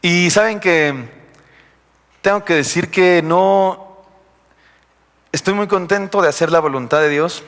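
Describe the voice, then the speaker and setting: A man's voice: high-pitched, measured pace, pauses often, a bit bright. A young man with a Mexican Spanish accent, giving a chatty, confiding sermon and joking with his congregation. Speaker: preacher. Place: church hall. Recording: live stream in a reverberant church.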